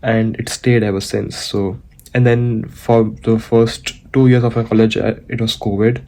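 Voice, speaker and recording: Speaking unhurriedly in a low, warm, level voice, a young adult man from India vlogs while walking outside. He keeps it casual, with many fillers and restarts.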